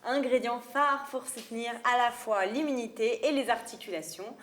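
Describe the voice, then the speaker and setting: A woman's voice: a little high, normal speed, a little hiss or hum. Woman presenting in a TV studio. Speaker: guest presenter. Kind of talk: product presentation on a live show.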